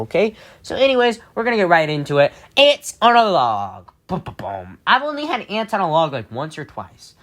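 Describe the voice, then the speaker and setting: A young man with a slightly high, fairly bright voice hosts a casual storytime vlog. He rambles and chats with many fillers, laughing now and then.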